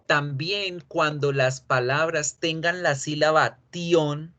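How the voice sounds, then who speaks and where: A man teaching English pronunciation in an online lesson, drawing out each sound slowly as he models it. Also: on the high side, fairly even intonation, bright, forceful tone, muffled recording. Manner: slow, drawn-out modeling of sounds.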